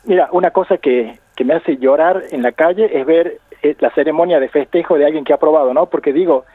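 Argentine male academic, radio guest by phone, reflective, laughs easily, a bit high. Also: a little fast, no echo, narrow, tinny audio. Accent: Argentine Spanish. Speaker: university professor and genealogist.

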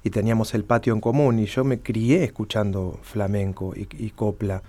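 A middle-aged man from the Buenos Aires area of Argentina, a flamenco musician, chats and reminisces as a guest in a casual interview. His Buenos Aires Spanish accent comes through in a lowish, mellow voice with flat delivery at a moderate pace.

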